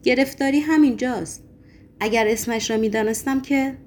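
A woman voicing a frantic shouting male poet. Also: mid-range voice, lively intonation. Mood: desperate. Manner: shouting, trembling urgency. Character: distraught barefoot male poet, frantic and wild.

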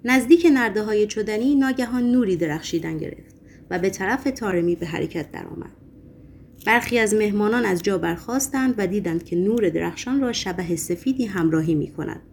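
A woman narrating an audiobook in a steady, measured voice of middle pitch. A faint hiss of noise sits under the reading. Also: vocal fry. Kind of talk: scripted narration.

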